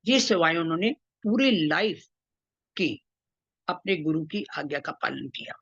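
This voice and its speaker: A woman giving a devotional talk, retelling stories earnestly with gentle emphasis and quoted dialogue. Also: low voice, expressive, measured pace, breathy edge, dry recording. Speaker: devotional speaker. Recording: dull dry lo-fi sound.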